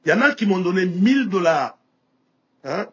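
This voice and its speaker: Very husky Burkinabé man telling stories. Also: sits high, very animated, moderate pace, fairly bright tone, highs cut off. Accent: Burkinabé French. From Burkina Faso. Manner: anecdotal, with frequent restarts and filler. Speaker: interview guest, entrepreneur. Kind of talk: casual storytelling interview.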